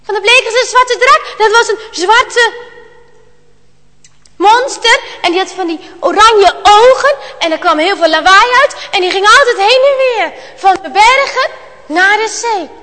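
High bright storytelling woman, echoing hall. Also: measured pace. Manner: dramatic, swings between loud exclamations and hushed tones. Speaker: storyteller for children. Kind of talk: children's story telling. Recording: long hall reverb.

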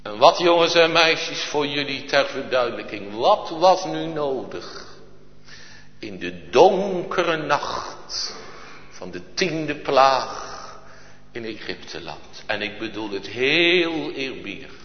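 A man's voice: medium pitch, very animated, takes it slowly. A man preaching a sermon in solemn, archaic churchly phrasing, rising at times to impassioned cries. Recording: lo-fi, echoey church hall recording.

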